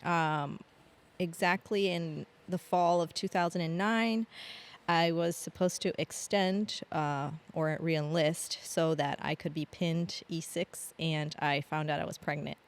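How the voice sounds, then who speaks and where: A low-voiced woman who grew up in Argentina appears as a podcast guest; she's an Air National Guard staff sergeant. In this casual interview she tells stories in a chatty way, laughing often and saying "um" a lot.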